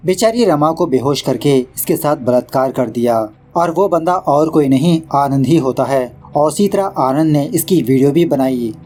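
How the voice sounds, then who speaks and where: A man's voice: a little high, animated, mellow, a little hiss or hum. A man narrating a casual recap of a horror film, mixing in English words and joking at the director. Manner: brisk storytelling with English words mixed in; quips at the film's director. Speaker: movie explainer.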